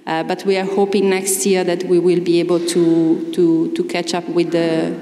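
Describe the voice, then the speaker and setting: Low-voiced woman speaking in an echoey hall. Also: flat delivery, normal speed, warm tone. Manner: hesitant, many fillers, hand gestures. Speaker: panel speaker. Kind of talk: conference panel answer. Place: large ornate conference hall. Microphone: desk microphone.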